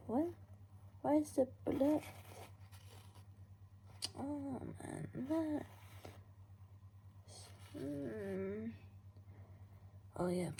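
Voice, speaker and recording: A woman reading her own story aloud in a hushed, breathy half-whisper, often stumbling and restarting lines. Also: medium pitch, slight background noise, rough recording.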